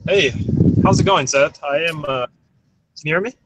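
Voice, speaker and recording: A man's voice: fairly high pitch, fairly bright tone, slight background noise. A man calling into a talk show on a phone from his car while driving, rambling and restarting as he talks. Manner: rambling, halting, many restarts. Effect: phone call from a moving car. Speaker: caller. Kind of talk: call-in chat.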